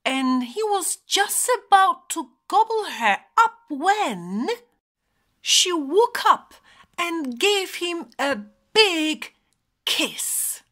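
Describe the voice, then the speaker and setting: A woman teacher reading a picture book aloud to young children, expressive and dropping to whispers for effect. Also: very high voice, drawn-out words.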